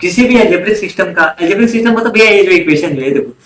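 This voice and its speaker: Upbeat male tutor from India, high voice, roomy echo, drills terms by repetition. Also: fast, slight background noise. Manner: lively, quizzes students, repeats key terms. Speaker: commerce teacher. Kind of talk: online class lecture. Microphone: online class recording.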